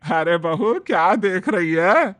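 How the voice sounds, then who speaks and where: A woman's voice: on the low side, lively intonation, slow. A woman voicing a bossy, traditional mother-in-law in a storybook tale, scolding and commanding.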